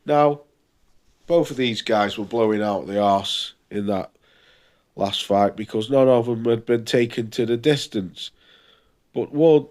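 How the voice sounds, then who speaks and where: A man's voice: lowish voice, a little mellow. A man with a congested, pinched-nose sound, hosting a casual boxing preview vlog in an informal, hesitant way, as if thinking aloud. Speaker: boxing channel host.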